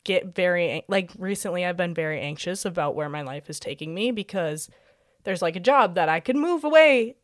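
A woman's voice: on the low side, animated, fairly quick, no echo. Chatty young woman, dry close sound. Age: young adult. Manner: chatty, giggly, lots of fillers. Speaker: podcast guest, dancer. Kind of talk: casual chat.

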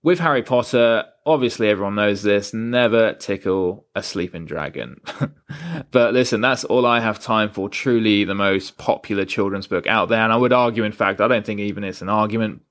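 Lower-voiced man hosting a casual podcast. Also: moderate pace, a bit bright. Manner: casual, rambling, with fillers and self-corrections. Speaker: podcast host. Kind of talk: solo film podcast monologue.

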